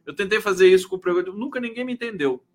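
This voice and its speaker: A man's voice: high voice, animated, very fast, music in the background. A man hosting a live stream, chatting casually about politics, rambling and tagging his sentences with questions to viewers. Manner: chatty, rambling, constant "né?" tags, reads out viewer comments.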